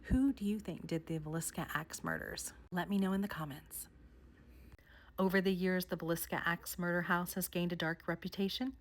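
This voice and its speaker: A woman vlogger narrating a countdown of haunted places in a measured storytelling way. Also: fairly low pitch. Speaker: paranormal vlogger. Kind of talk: scripted narration.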